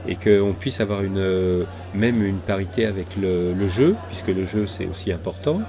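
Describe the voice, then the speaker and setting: With a low, warm voice at normal speed, this middle-aged southwest French man rambles as an interview guest. His delivery is hesitant, packed with fillers and false starts, and a loud crowd can be heard around him.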